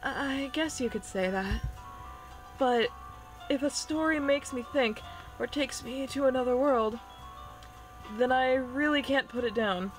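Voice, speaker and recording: Woman reading a shy bookish girl, soft, hesitant, gentle, visual novel reading. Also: high-pitched, unhurried, pauses often, soft background music, rough recording.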